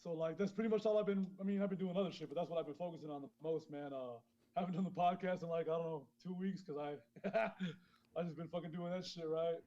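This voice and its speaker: A man who grew up in Queens, high and chatting casually as a podcast guest, rambling, swearing a lot and laughing often. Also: fast, warm tone. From born in Honduras, grew up in Queens, New York. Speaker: guest caller, clothing brand founder. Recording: dull lo-fi phone call.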